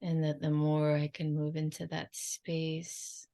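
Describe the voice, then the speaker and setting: A woman channelling in a trance like a seance medium, in halting, drifting phrases with long silences and a creaky, low voice. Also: monotone, mellow.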